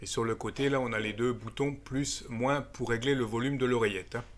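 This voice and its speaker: A man with a medium-pitched, steady voice speaks fairly quickly as he demonstrates a gadget hands-on. He's an amateur radio video presenter, explaining it casually step by step with frequent tag words.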